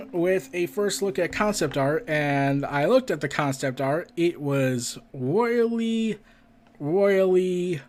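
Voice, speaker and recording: A man hosts a casual podcast of entertainment and gaming news commentary, stumbling as he reads aloud and throwing in chatty asides. His voice sits high and is a little mellow.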